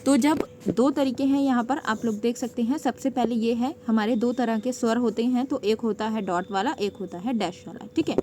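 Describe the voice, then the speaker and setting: A fairly high-voiced woman walks through a shorthand lesson one step at a time, pausing often to check that her students are following. Her tone is patient and steady. A faint hiss of noise sits under the recording. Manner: patient, checks in with frequent "okay" and "theek hai". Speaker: stenography teacher.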